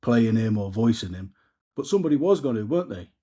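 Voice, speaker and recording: Bloke asking questions all excited and informal, warm dark tone. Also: male voice, mid-range voice, fast. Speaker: interviewer. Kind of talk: casual interview.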